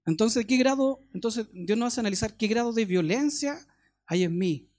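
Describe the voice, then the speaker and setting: A middle-aged man with a Chilean accent, preaching a sermon in a conversational way with homely stories and quick questions to his listeners. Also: high-pitched, animated, a little mellow.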